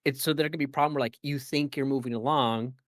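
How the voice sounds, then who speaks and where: A man's voice: medium pitch, fast, dry recording. A man chatting on a gaming podcast in a middle-range voice. He rambles and restarts his sentences, full of "like" and "you know". The mic is close and dry, with no room sound. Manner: rambling, animated, many fillers and restarts. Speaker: podcast co-host. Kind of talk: casual gaming podcast chat.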